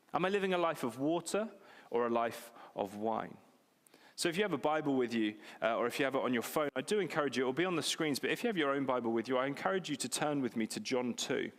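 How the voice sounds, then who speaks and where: A man in his 40s, a pastor, gives a sermon with a medium pitch and a fairly bright tone. He keeps it conversational, jokes at his own expense, and repeats key phrases to stress them. The church hall setting leaves a long reverb on the audio.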